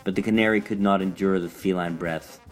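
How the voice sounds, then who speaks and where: A man reading a short fable aloud in a measured, deliberate storytelling manner. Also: low-pitched, steady tone, soft background music. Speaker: reader. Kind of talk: storybook narration.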